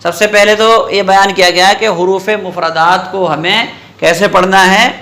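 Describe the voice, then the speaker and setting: A male Quran reading teacher speaks in a high, sharply bright voice. He puts questions to his class and answers them himself. He stretches the letter sounds into a slow, sung drawl. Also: fairly even intonation.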